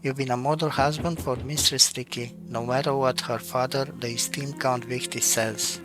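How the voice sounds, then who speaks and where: A man's voice: medium pitch, fairly even intonation, moderate pace, over music, lightly acted. A man voicing a humble, loyal older male servant in a video game, reading the lines aloud in a plain voice.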